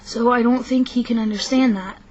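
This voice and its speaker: A woman's voice: a little high, steady tone, normal speed, darkish tone, dull audio, a little hiss or hum. A young woman venting to the camera in a casual rant, hesitant and frank, tired from too little sleep, often stopping to restart her sentences. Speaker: vlogger. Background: faint film soundtrack music.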